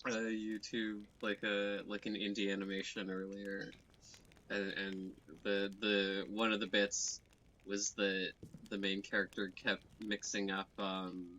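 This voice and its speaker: A man's voice: lowish voice, monotone, unhurried, sharp tone, slight background noise, rough recording. A man co-hosting a game let's play, chatting casually and hesitantly, laughing often. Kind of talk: casual gaming chat.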